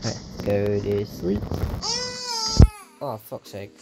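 A man doing let's-play commentary, excitable and swearing at the game while muttering to himself. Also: fairly low pitch, drawn-out words, over loud music. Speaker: gamer.

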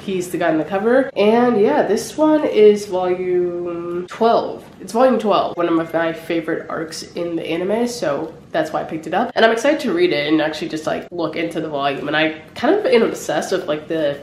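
A young woman chatting through a vlog, her voice nasal and stuffed up from a cold. She talks a little low for a woman and keeps dropping in "like" and "um." The sound is echoey, with faint room ambience behind her. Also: lively intonation, brisk, hardly any pauses, darkish tone, slight background noise. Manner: chatty, lots of "like" and "um" fillers. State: congested from a cold. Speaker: vlogger. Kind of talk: casual vlog chat.

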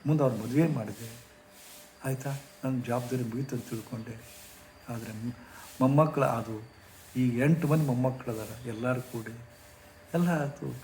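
A man putting on a lonely, worn-out old rich man with a soft, subdued, complaining way of speaking. The voice sits at an ordinary middle pitch. It echoes in a room with a faint hiss behind it. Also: moderate pace, long pauses, natural voice. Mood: weary. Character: weary lonely older rich retired man.

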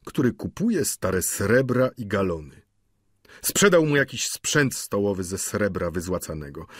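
A husky-voiced man playing a sly, mocking middle-aged lodger in an audiobook, telling gossip with swagger. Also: on the low side, no echo, studio quality.

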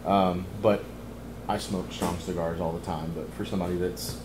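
A middle-aged man, chatting casually in a cigar lounge as he reviews a cigar, relaxed and easygoing with many ums. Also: sits low, moderate pace, roomy sound, noisy background. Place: cigar lounge, indoors, leather chairs.

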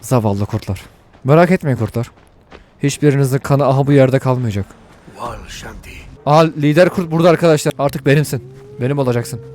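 A man giving let's-play commentary to viewers while he plays, excitable and full of crude jokes and swearing. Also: mid-range voice, fairly quick, long pauses. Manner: talks to viewers while playing. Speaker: gaming video host.

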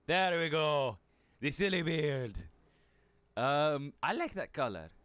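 A man's voice: a little high, lively intonation, takes it slowly, a bit bright, clear, resonant tone, no echo. A man casually commenting on a game he is playing, rambling, joking and swearing freely. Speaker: gaming channel host. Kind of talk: casual let's-play commentary.

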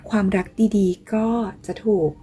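A woman hosting a casual tarot reading for her viewers, chatty and coaxing, calling herself grandma and sometimes dropping to a soft near-whisper. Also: measured pace. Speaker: tarot reader and channel host.

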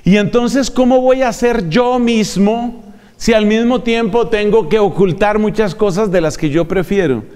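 A friar lectures on preaching with a high, smooth, resonant voice. He speaks in an earnest, emphatic way and addresses his listeners directly. His words ring out with a long hall reverb. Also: a little mellow.

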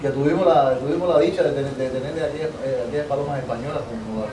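On a patio outdoors, a man in his thirties from Cuba, a pigeon breeder, talks rapidly in a casual interview, his Cuban Spanish full of emphatic repeats and restarts. His voice is mid-range. Captured by a far-off camera, the audio is echoey, distant and noisy.

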